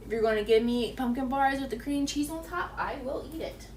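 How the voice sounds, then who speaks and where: A woman's voice: high-pitched, fairly quick, roomy sound, recorded from a distance, a little hiss or hum. A young woman hosting a home baking channel, chatting casually while doing chores in her home kitchen and cooing at her dog, picked up by a camera mic across the room.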